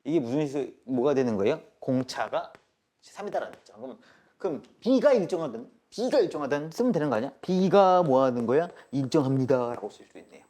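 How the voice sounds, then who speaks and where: A male math teacher lectures live in a classroom, his medium-pitched voice expressive and warm. He keeps firing quick questions and check-ins at the students and combines polite speech with casual remarks.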